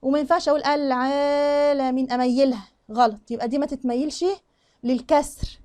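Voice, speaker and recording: A woman with an Egyptian Arabic accent teaching Quran recitation, demonstrating right and wrong pronunciations and reciting the examples slowly. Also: high-pitched, darkish tone. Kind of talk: tajweed lesson with slow recited examples.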